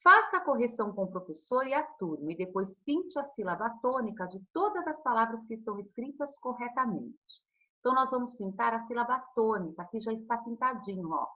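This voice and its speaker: A Brazilian woman teaching a recorded primary school lesson, patient and affectionate, stretching out words slowly for the children. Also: fairly high pitch, animated, sharp tone, lo-fi sound. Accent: Brazilian Portuguese. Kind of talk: recorded online class.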